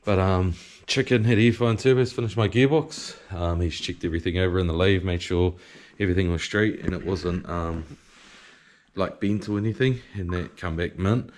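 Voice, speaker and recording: Low-voiced man with broad Kiwi accent. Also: moderate pace, a little mellow. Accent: New Zealand. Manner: laid-back, slangy, sweary. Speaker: vlogger and drift car driver. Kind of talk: casual video diary.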